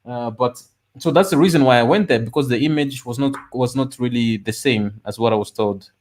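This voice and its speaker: A man's voice: mid-range voice, brisk, a little mellow. A man appearing as a guest on a live show, speaking casually and hesitantly, often restarting his sentences. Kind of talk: casual conversation.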